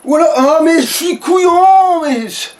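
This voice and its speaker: Sitting at the controls for a let's play, this man swears and grumbles casually as he games with a friend. His voice is very high, expressive and a little mellow, and he speaks a little slowly.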